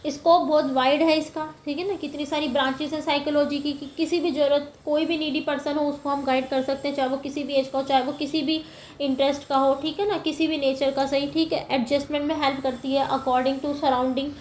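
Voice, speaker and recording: Woman teacher explaining things step by step, fairly high voice, roomy echo, faint hiss behind. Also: level tone, brisk, darkish tone. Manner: explains step by step, often asking "ठीक है ना". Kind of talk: lecture to teacher-training students.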